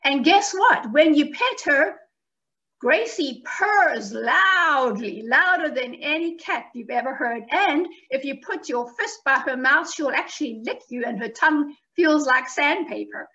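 A woman who writes children's books talks to young listeners in a gentle, simple, expressive way, like a teacher. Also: high voice, measured pace, highs cut off. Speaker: children's book author. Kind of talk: talk to children.

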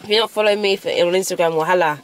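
A woman's voice: on the low side, very fast. A young woman, chatting casually and teasing while vlogging from a car. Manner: chatty, laughs often, teasing. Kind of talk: casual vlog chat. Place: inside a car, later a bedroom.

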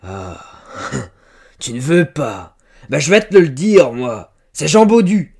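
A man voicing a stubborn, brutish farmer who badgers and shouts. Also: on the low side, lively intonation, measured pace, husky, full character voice. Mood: angry shouting. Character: brutish stubborn middle-aged male farmer.

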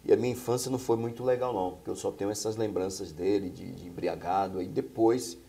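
A middle-aged pastor and singer from Bahia, Brazil, tells his life story as a guest in a small studio, earnestly and with frequent tag questions. He talks fast in a lowish, mellow voice with vocal fry and fairly even intonation.

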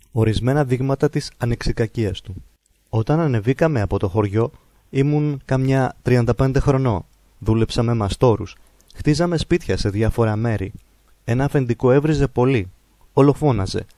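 A man calmly narrating a biography in a slow, measured, reverent reading. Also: medium pitch, no room sound. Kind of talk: calm biographical narration of a holy man's life.

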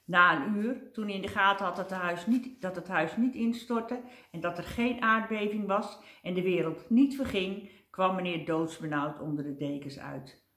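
An older woman reading a children's storybook aloud in a gentle, expressive way, with the odd slip over a word. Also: lowish voice, normal speed, reverberant.

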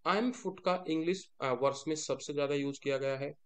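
A man's voice: a little high, a little fast. A man with an Indian accent teaching a lecture, mixing in English terms and answering his own questions. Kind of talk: classroom-style lecture.

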